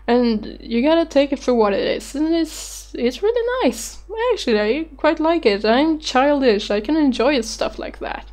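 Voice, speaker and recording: Young woman in her twenties, slightly high voice, unhurried, rambling casual webcam vlog. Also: darkish tone. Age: 20s. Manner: rambling, giggly, self-deprecating, swears casually. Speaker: vlogger answering viewer questions. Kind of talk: casual chat.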